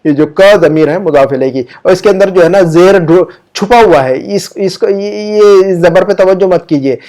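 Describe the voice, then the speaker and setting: A man with an Urdu-speaking accent gives an online grammar lesson, patiently explaining, slowly repeating example sentences, and questioning his students. His voice is high and a little mellow.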